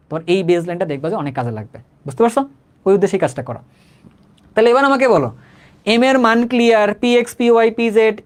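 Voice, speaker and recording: Fast-talking young Bangladeshi chemistry teacher. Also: male voice, high voice. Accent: Bangladeshi Bengali. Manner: conversational, keeps checking if students understood; says he talks slowly, repeats himself. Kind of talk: live online class.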